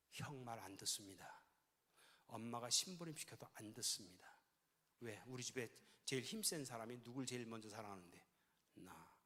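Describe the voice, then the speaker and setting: An older man gives a sermon-style lecture in a big church hall, telling lively stories and acting out every exchange. His voice is bright and forceful. A long reverb trails each phrase. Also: mid-range voice. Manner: animated storytelling, acting out dialogues.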